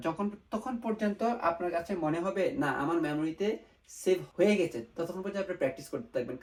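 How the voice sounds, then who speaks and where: A man's voice: fairly high pitch, low-quality recording. Man teaching step by step, repeating himself. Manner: repetitive, asks and answers own questions; mixes English words into Bengali. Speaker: Japanese language teacher. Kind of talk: whiteboard lesson narration.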